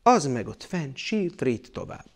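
A middle-aged man reading a children's story in a playful, expressive way, lingering on words. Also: mid-range voice, vocal fry.

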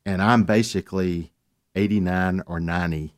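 A man, a guest on a talk radio show, telling his story in an earnest, animated way. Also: sits low, moderate pace. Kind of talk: casual radio chat.

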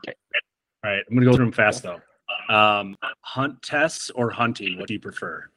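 Male co-host, mid-pitch, playful and jokey, firing off quick would-you-rather questions. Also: pushed and bright, low-quality recording. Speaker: podcast co-host. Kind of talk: casual interview chat.

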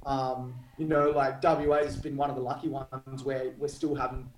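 A man's voice: medium pitch, level tone, normal speed, a crowd in the background. An Australian man speaking as a podcast guest in casual, slangy, matey interview chat. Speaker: podcast guest, Muay Thai fighter. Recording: roomy, echoing sound.

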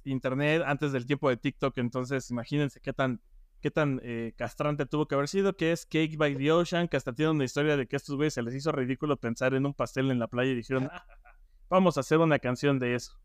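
A man's voice: mid-range voice, steady tone, a little fast, smooth, no echo, studio quality. A man with a Mexican accent, co-hosting a podcast, chatting casually about music with slang and fillers. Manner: rambling, playful, lots of fillers and slang. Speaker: podcast co-host.

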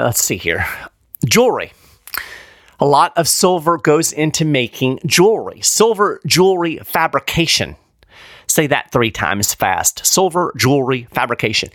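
Male show host, casual explainer with fillers, mid pitch, dry close recording. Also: fairly bright tone, no room sound. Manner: conversational, explanatory, with frequent fillers. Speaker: podcast host. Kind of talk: casual market commentary.

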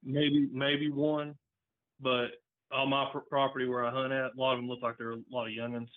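A man's voice: medium pitch, completely flat delivery, normal speed. A man from Virginia calling in to a show over a phone line, chatting in a casual, hesitant way. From Virginia, United States. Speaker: phone-in caller. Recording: narrow, tinny phone line.

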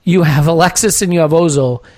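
A podcast host breaking down a football match in measured, thoughtful casual talk with frequent small restarts. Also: mid-range voice, dark tone, dry recording.

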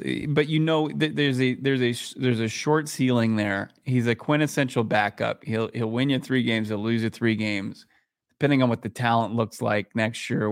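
Male co-host, middle pitch, casual musing sports talk, dry sound. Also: dry recording. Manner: thinking aloud, restarts, hedging. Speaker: podcast co-host. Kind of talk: casual sports podcast chat.

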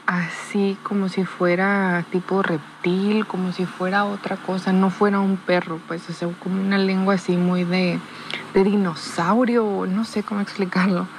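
A woman's voice: medium pitch, flat delivery, a little slow, a little hiss or hum, rough recording. A woman sending in a recorded story, hesitant and searching for words. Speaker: listener sharing a story.

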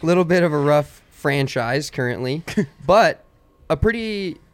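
A man's voice: fairly high pitch, expressive, measured pace, dry recording. Casual male sports panelist, dry close sound.

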